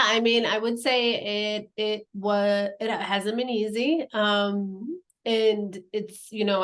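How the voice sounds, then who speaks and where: A woman from Nepal, a podcast guest, talking in an earnest, reflective way with many casual fillers. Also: medium pitch. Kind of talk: casual conversational interview.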